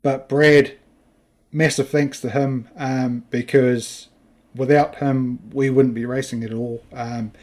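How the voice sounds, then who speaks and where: Male race series host, New Zealand accent, even flat pitch, halting off-the-cuff delivery. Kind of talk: casual unscripted thank-you talk.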